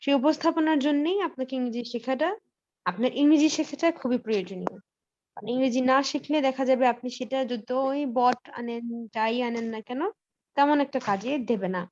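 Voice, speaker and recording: A woman's voice: high voice, fairly quick, darkish tone. A woman teaching English in a live online class. She explains step by step with many fillers and slips English phrases into her talk. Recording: slightly dull lo-fi audio.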